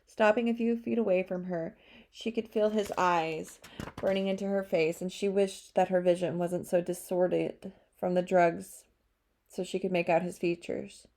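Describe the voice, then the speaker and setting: A woman narrating an audiobook chapter with a steady storytelling delivery. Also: lowish voice, measured pace. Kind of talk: scripted narration.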